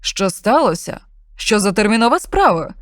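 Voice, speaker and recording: A woman voicing a kind but stern old Father Frost in a children's story, speaking calmly and gravely. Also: mid-range voice, no room sound, studio quality, close to an everyday voice. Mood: concerned. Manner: calm, grave, measured.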